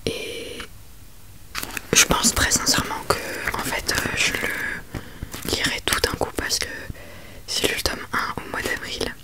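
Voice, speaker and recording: Young woman whispering softly, slow and breathy. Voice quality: soft breathy library-style whisper. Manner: informal, hesitant, trailing off mid-phrase. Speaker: ASMR book reviewer. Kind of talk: whispered ASMR book chat.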